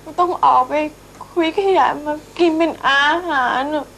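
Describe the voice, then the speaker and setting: A woman voicing a soft-hearted female detective who soothes and stammers anxiously. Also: sits high, moderate pace, creaky, a little hiss or hum, poor audio. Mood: sympathetic. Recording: loud music behind.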